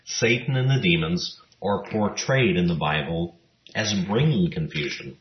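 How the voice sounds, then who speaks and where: A man giving scripted Bible teaching narration, reading scripture verses in a measured, even way. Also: low voice. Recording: roomy, dull lo-fi recording.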